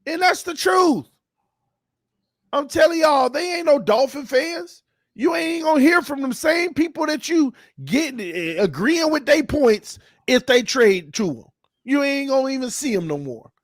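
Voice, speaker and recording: A man hosting a fan talk show, fired up and shouting as he rants. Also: very high voice, sing-song, unhurried, dry recording, studio quality. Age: 30s. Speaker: fan channel host.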